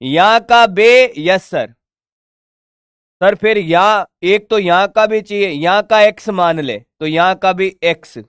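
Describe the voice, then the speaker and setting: A man's voice: high-pitched, a little slow, hardly any pauses, fairly bright tone, clean tone, dry recording, clean studio sound. A man teaching a physics lesson in a chatty, teasing way, working through circuit problems and answering his own students' questions. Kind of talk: online physics lesson at a board.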